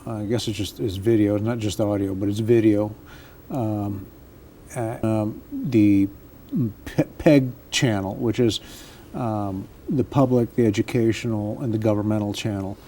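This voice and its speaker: A man's voice: on the low side, steady tone, measured pace, dark tone, slight background noise. An American man hosting a casual panel talk, hesitant and often searching for his words as he explains. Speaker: public access show host.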